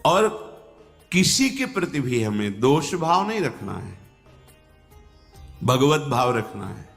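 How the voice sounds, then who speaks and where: Male spiritual teacher, calm gentle sermon delivery, slow and deliberate, music underneath. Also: medium pitch, creaky. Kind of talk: devotional sermon with recited scripture verses. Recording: long hall reverb, music behind. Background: background music.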